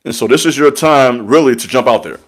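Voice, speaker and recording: A man's voice: medium pitch, brisk. A young man giving an earnest, repetitive motivational talk on spiritual growth, speaking like a preacher to his followers. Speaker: online spiritual mentor.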